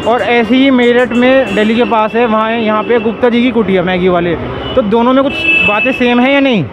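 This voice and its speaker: A man's voice: extremely high pitch, fairly quick, muffled recording. A young man from Meerut, talking through a face mask as a food vlogger interviewing people at a street stall, chatty and repeating himself with hesitant fillers. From Meerut, India. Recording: outdoor street recording with music and crowd. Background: music and crowd chatter.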